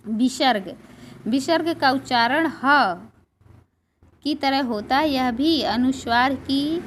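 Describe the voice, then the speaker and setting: A high-pitched woman teaches a grammar lesson, taking her time over each example word. Her talk is slow and deliberate. There is a faint hiss of noise behind her. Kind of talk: grammar lesson explaining a table.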